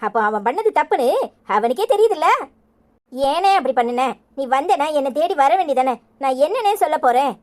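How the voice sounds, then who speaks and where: A woman voicing a fierce scolding Tirunelveli village mother. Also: brisk. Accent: Tirunelveli Tamil. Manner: sharp-tongued, cursing, lively pitch. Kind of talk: cartoon voice acting.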